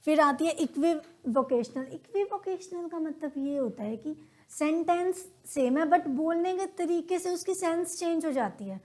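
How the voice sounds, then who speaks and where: In a high, expressive, slightly mellow voice, an Indian-accented woman teaches logical reasoning to a class a little slowly. She patiently asks questions, supplies the answers herself, and plays out everyday scenarios in quoted dialogue.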